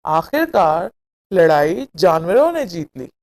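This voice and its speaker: A woman with a lowish voice tells a scripted moral story for children. She narrates in a measured, expressive way.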